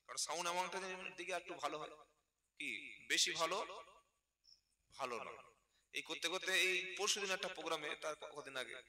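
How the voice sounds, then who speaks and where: High bright-voiced Bengali preacher. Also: male voice, fast, long pauses, echoey room. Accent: West Bengal Bengali. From India. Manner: chanted Arabic verses between conversational asides to the crowd. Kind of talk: sermon. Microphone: PA microphone.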